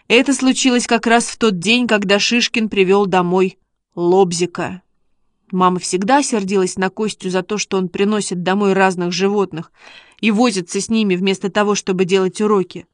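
A woman narrating a children's story in a steady, measured reading. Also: mid-range voice, no room sound, studio quality. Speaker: audiobook reader.

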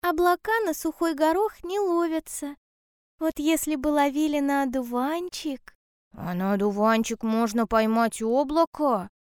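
A woman doing a bright, chirpy little hedgehog. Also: high-pitched, measured pace, dry recording, clean studio sound, voice pushed up. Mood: cheerful. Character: small cheerful male hedgehog, kindly and sure. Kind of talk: storybook character voice.

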